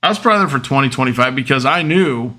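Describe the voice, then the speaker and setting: A man hosting a podcast, telling casual stories in a rambling way, full of fillers, getting loud and animated when he retells arguments. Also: mid-range voice, rapid-fire. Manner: rambling, with many fillers like "um" and "whatever". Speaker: podcast host. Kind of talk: casual storytelling monologue.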